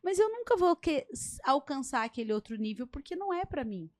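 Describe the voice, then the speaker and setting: A woman's voice: high voice, very animated, brisk, darkish tone. A Brazilian woman hosting a podcast, chatting casually and telling a funny story with a guest. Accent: Brazilian Portuguese. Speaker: podcast host. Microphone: podcast mic.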